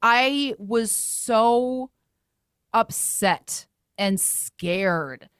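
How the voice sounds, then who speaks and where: A lively woman chatting as a guest, her voice sitting a bit high and bright. She talks in quick, laughing bursts, recorded close and dry with no room sound. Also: clean tone, no echo. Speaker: filmmaker guest. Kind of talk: casual chat.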